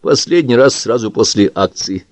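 A man voicing an even-voiced security official. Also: fairly low pitch, normal speed, dry recording, natural voice. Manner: level, even voice.

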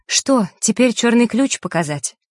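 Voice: mid-range voice, animated, measured pace, no room sound, clean studio sound, pitched above the performer's own voice. A reader voicing Vasilisa, a defiant teenage girl who answers curtly and snaps back, in an audiobook. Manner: curt, snapping. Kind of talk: audiobook character reading.

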